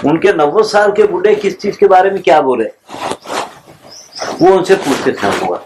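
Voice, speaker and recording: A man giving an informal lecture, telling scripture stories in an unhurried, discursive storytelling way. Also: sits high, big pitch swings. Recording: noisy archival recording.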